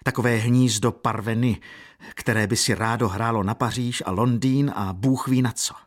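A man's voice: mid-range voice, steady tone, pitched above the performer's own voice, natural voice. A man reading a proud young officer's lines in a heated, declamatory storybook voice.

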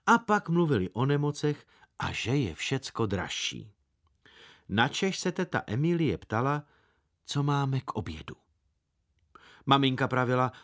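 A man reading a story aloud as narrator, in lively, measured storytelling. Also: medium pitch. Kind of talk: scripted narration.

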